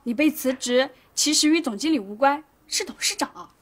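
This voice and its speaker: An actress playing a chatty, teasing young office coworker in a TV drama. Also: female voice, high-pitched, lively intonation, moderate pace. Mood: gossipy. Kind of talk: TV drama acting.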